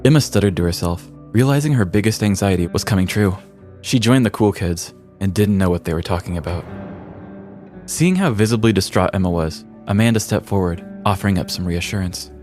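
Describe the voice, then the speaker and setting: This American podcast host reads a scripted comedic tale with theatrical, arch mock-seriousness, in a low-pitched, expressive, brisk voice. His tone is darkish, with faint music in the background.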